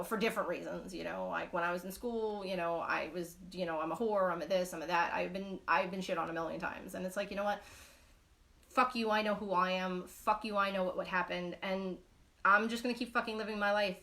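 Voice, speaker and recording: A woman's voice: medium pitch, fairly bright tone. A woman from Brooklyn, hosting a casual knitting live stream, talking bluntly with lots of swearing and rambling fillers. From Brooklyn, New York.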